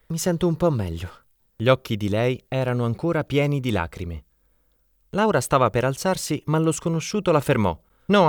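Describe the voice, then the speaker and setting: A man narrating a story in an expressive, dramatic reading. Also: mid-range voice, no echo, clean studio sound. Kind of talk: audiobook narration.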